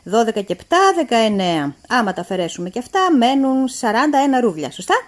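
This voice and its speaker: Woman voicing a mocking male employer, loud and lecturing, higher-pitched and lively. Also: natural voice. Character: stingy, mocking male employer, middle-aged.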